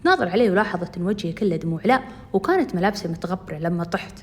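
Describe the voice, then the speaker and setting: A woman's voice: on the low side, expressive, very fast. A young woman telling a first-person story, chatting directly to her listeners.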